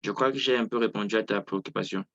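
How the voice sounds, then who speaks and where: A trading coach hosts a Zoom session, explaining things casually and hesitantly with frequent fillers and restarts. His lowish voice has a fairly bright tone and he talks at a racing pace, though the recording is muffled.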